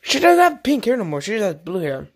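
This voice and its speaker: A woman casually showing off her collection on camera, excitable and gasping often. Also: medium pitch, fast talker. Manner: excitable, with frequent gasps and laughs. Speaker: vlogger showing a toy wrestling figure collection. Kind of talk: casual unscripted show-and-tell.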